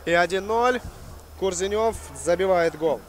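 A man's voice: high-pitched, unhurried, a little hiss or hum. A man giving live football commentary as a match commentator.

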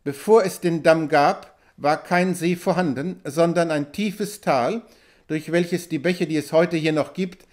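A clever frontier hunter from an adventure audiobook, read by a man, who lays out his thoughts calmly and in a measured way. His voice sits a little high. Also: close to an everyday voice. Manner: calm, measured reasoning.

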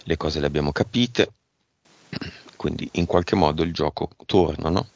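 A man leading an esoteric hypnosis session, asking brisk, directive questions. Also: rumbling low, creaky. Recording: dull lo-fi sound.

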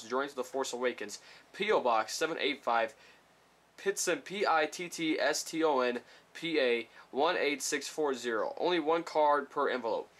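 A man chatting casually while unboxing trading cards, rambling and reading each card title aloud slowly, a little sick. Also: medium pitch, a bit bright. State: slightly sick. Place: small room at home.

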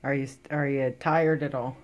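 A middle-aged woman in casual conversation, gently coaxing and reassuring as a parent, explaining things simply. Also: a bass voice, steady tone, moderate pace. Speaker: parent looking after a patient. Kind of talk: casual chat. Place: small recovery room, indoors.

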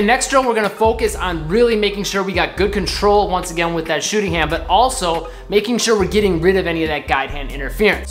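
High-pitched and a bit bright, a man's voice guides viewers through basketball drills in an upbeat instructional demo. He's in his thirties, sitting on a living room couch and demonstrating as he talks, while the echoey room carries faint music.

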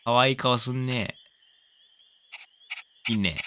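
A man doing casual let's-play commentary, excitable, exclaiming often and cooing at the pet. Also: medium pitch, slow, very noisy. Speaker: game commentator.

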